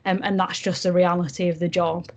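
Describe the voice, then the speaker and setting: A young woman with a broad Yorkshire accent, explaining things in a casual podcast interview with frequent ums and pauses. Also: on the low side, flat delivery. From Yorkshire, England. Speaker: junior barrister, podcast guest.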